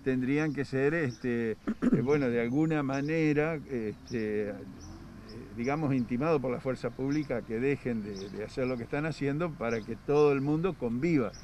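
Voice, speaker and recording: A man's voice: mid-range voice, moderate pace, a little mellow, slight background noise. A man, a journalist interviewing outdoors and searching for words with many fillers. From Argentina.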